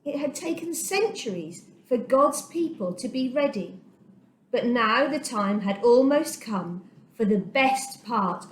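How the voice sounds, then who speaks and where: A storyteller with a slightly high voice reads a children's Bible story, her phrasing dramatic, deliberate, and emphatic. The echoey recording carries a little hiss or hum.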